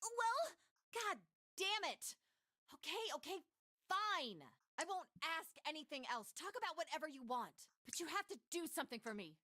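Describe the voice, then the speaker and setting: A man's voice: very high-pitched, animated, normal speed, pushed and bright, no room sound, studio quality, voice pushed up, heavily acted. A man reading a visual novel aloud, voicing a brash, impatient adult woman who swears and makes demands. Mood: exasperated.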